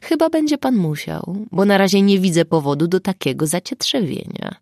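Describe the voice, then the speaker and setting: An unflappable police sergeant answers in a cool, dryly ironic tone, as a woman narrator puts him on. The voice is low and gravelly. The recording is close and dry. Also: lively intonation, moderate pace, darkish tone, no room sound. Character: calm, ironic middle-aged police sergeant.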